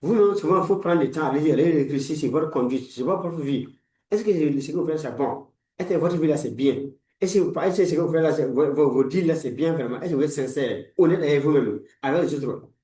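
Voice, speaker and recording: A life coach in his forties delivers a preachy, repetitive motivational talk packed with blessings, speaking indoors in a room lined with books. His voice is on the high side, brisk, and warm, but the audio is poor, echoey, and recorded from a distance.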